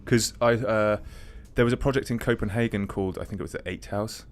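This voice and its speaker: Low-voiced male podcast host. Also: fairly quick. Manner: rambling, long winding questions. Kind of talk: podcast interview. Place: podcast studio.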